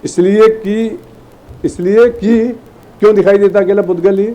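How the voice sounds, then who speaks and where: High-pitched guy teaching a class, warm darkish tone, keeps quizzing students, lively and pushy. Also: a little slow, poor audio. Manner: lively, prodding, demonstrates phrasing aloud. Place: classroom at a training camp.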